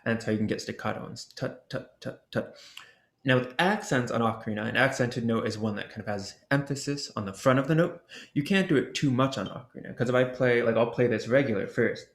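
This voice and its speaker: A man presenting an ocarina workshop, explaining technique in a relaxed way and sounding out the syllables as he goes. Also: mid-range voice, fast talker, few pauses. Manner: casual, explains with demonstration syllables and fillers. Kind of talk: instructional explanation. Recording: roomy echo.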